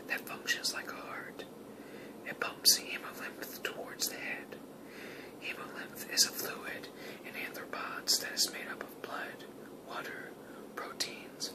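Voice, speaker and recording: Someone whispering a nature explainer asmr style, all hushed like theyre watching wildlife. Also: rough recording. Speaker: nature video narrator.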